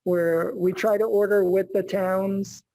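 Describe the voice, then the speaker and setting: Man, school budget presenter, gravelly, dark voice, dry sound. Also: high voice, flat delivery, takes it slowly, dry recording, rough recording. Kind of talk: meeting discussion.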